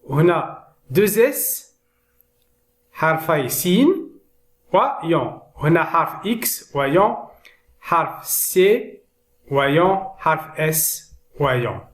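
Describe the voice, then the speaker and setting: A man teaching reading from slides, explaining rules and then reading word lists slowly and clearly. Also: a little high, big pitch swings, echoey room. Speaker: French teacher. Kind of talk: slide-based reading lesson.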